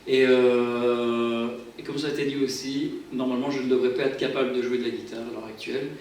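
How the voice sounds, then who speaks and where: This mid-range male voice, a little fast and a little mellow with little pitch movement, comes from a French pastor and guitarist. He chats informally to a church gathering to introduce the music, self-deprecating and full of hesitations. The recording is far from the mic in a very echoey church hall with slight background noise.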